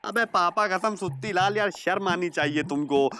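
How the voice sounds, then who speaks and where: An actor playing a cheeky, wisecracking village hustler who is always scheming. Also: male voice, sits high, normal speed, sharp tone, a little hiss or hum.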